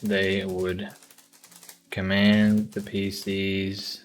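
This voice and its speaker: Male streamer, unhurried and low, muses aloud with frequent pauses over quiet music. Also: completely flat delivery. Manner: hesitant, thinking aloud with many ums. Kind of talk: casual livestream brainstorming.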